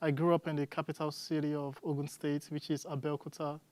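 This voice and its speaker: Chatty Nigerian-accented student, dry clear voice. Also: mid-range voice, little pitch movement, fairly quick, a little mellow, dry recording. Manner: chatty, storytelling. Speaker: student guest. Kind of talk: casual interview answers.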